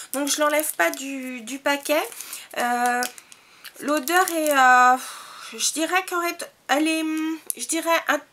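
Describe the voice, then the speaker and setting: High-voiced woman reviewing beauty buys. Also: sharp tone, a little hiss or hum. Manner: hesitant, many fillers and restarts. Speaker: beauty vlogger. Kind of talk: casual product haul review.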